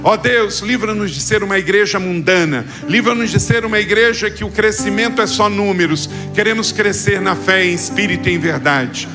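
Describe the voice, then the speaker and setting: A Brazilian pastor preaching and then praying with rising, fervent declarations, with stretches of speaking in tongues. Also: male voice, high-pitched, normal speed, few pauses, over music. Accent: Brazilian Portuguese. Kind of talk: sermon and fervent closing prayer. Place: church service.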